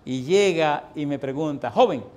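A man in his sixties with a mid-range voice and moderate pace preaches a sermon. He tells a personal story animatedly, raising his voice for repeated refrains.

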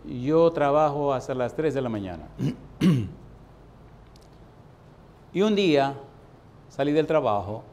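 Man, pastor, sermon, rhetorical questions, soft storytelling, medium pitch. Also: expressive, slow pace, long pauses. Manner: emphatic preaching with repeated rhetorical questions, dropping to soft storytelling.

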